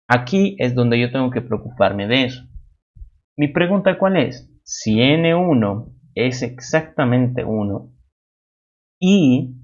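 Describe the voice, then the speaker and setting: A man's voice: medium pitch, animated, slow, lo-fi sound. A man teaching a programming class, explaining step by step as he types code, often checking in with a questioning "no?". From Bolivia. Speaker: teaching assistant. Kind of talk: live-coding programming lesson.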